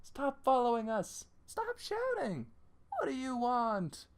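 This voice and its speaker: Bratty defiant runaway , put on by a reader, high shrill yelling, webcomic read. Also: wildly swooping pitch, takes it slowly, heavily acted. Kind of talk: hobby webcomic reading.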